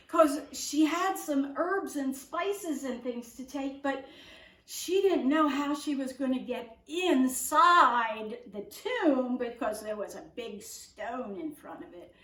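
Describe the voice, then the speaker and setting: A woman pastor telling a children's Bible story in a gentle, unhurried way, recorded in a church with the mic far off. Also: high-pitched. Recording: echoey room, mic far off.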